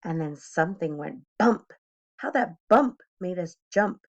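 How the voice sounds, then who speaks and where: A woman reads a picture book aloud for children with a very lively, varied intonation. Her voice has some creak in it, and she speaks directly to her young listeners. The recording sounds a bit lo-fi. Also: lowish voice, a little slow. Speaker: school staff member reading to children. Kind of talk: expressive children's storybook read-aloud.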